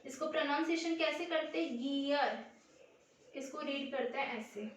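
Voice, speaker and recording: A woman's voice: high-pitched, brisk, a little hiss or hum. A woman teacher giving a grammar lesson, patiently repeating words and answering her own questions. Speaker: school teacher. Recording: very echoey room.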